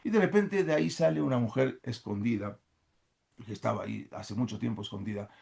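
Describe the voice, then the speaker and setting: A man tells a story in a religious class, animated and dotted with "eh" fillers. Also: medium pitch, brisk, gravelly. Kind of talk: storytelling lecture.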